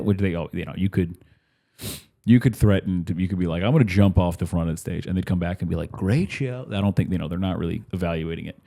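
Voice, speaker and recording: A man's voice: low voice, warm tone. A man, a comedian and podcast host, telling rambling stories in a casual monologue, often breaking off mid-sentence and acting out the voices of people he quotes. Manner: rambling, self-interrupting, acts out quoted voices.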